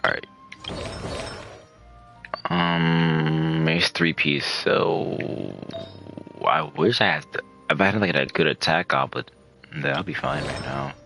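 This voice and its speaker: With a slow, creaky bass voice and frequent pauses, a man comments casually on his gameplay as a streamer, rambling and muttering to himself over video game music.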